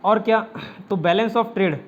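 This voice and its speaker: A man with a fairly high voice leads an online exam-prep class. He explains step by step and answers his own questions as he goes. The sound is dull and lo-fi. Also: slow. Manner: often adds "ठीक है" to check understanding. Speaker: teacher.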